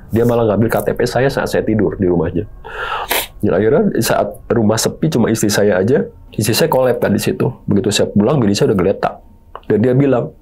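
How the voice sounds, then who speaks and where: Husky low-voiced middle-aged man. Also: darkish tone. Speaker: guest telling his story. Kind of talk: emotional confessional storytelling.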